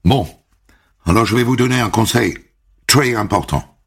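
A man's voice: fairly low pitch, moderate pace, slightly rough, no echo. A young man with a Paris banlieue accent telling a wry first-person story. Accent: Paris banlieue French. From Paris suburbs, France. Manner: lively, wry, animated.

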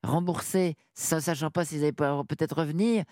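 A woman in her sixties from northern France, a radio interview guest talking in a lively, halting way with many restarts. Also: deep voice, no echo, clean studio sound. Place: radio studio.

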